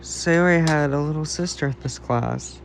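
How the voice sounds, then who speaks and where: A man's voice: on the high side, moderate pace, creaky, slight background noise. A man reading his own fan fiction aloud in a casual, unscripted way, with frequent restarts and self-corrections. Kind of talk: amateur fan story reading.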